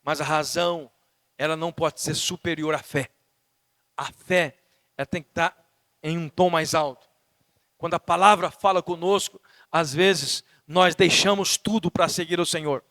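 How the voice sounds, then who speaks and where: A man with a Brazilian Portuguese accent preaching a sermon as pastor, fervent and swinging between soft talk and shouting. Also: a little high, steady tone, moderate pace, no room sound.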